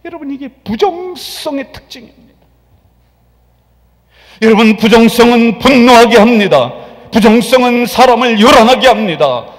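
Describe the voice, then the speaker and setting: A male pastor preaching a sermon, swinging from loud proclamation to hushed whispers. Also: extremely high pitch, expressive, moderate pace. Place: church sanctuary. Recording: church hall with long reverb.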